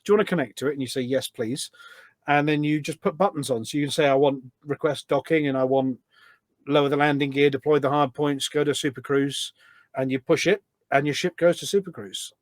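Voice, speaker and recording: A man with a slightly high, steady voice speaks briskly with no echo. He's a voice pack developer appearing as a guest on a podcast interview, explaining things enthusiastically step by step and often posing questions along the way.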